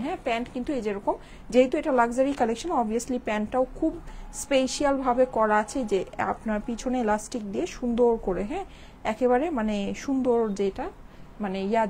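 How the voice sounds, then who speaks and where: Chatty Bangladeshi woman, a bit hoarse. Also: fairly high pitch, quick pace, a little mellow, a little hiss or hum. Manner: chatty, keeps checking in with viewers. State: slightly hoarse from a cold. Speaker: clothing shop seller on a live stream. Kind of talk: live selling chat to viewers. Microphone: phone with clip-on mic.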